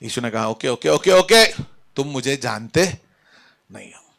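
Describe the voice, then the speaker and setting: A man's voice: medium pitch, expressive, a little slow, creaky, fairly bright tone. A man preaching a sermon at a church service, fervent, calling out to the congregation and mixing in English phrases. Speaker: pastor.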